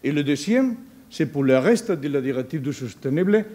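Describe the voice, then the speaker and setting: A non-native speaker from Spain with a Spanish accent, this man gives a conference presentation as a researcher, halting and searching for words in foreign-accented speech. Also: on the high side, expressive, mellow. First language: not a native French speaker. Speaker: university researcher giving a presentation.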